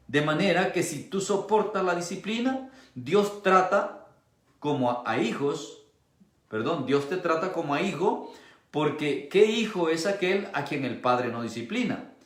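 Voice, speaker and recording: A male pastor preaching a sermon with passion, moving between hushed tones and a raised voice. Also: a little high, animated, measured pace, echoey room.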